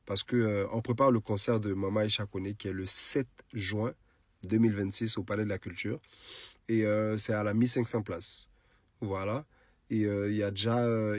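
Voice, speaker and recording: In a dry recording, a man with a lowish, slightly mellow voice speaks. Sick with a head cold, this Ivorian French-accented live streamer chats casually and animatedly with followers late at night, repeating phrases to drive points home.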